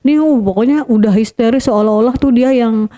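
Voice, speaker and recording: A woman's voice: a little high, a little fast, mellow. A woman guest telling a painful family story in earnest first-person detail, repeating key points for emphasis. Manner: earnest, re-enacts quoted dialogue, repeats for emphasis.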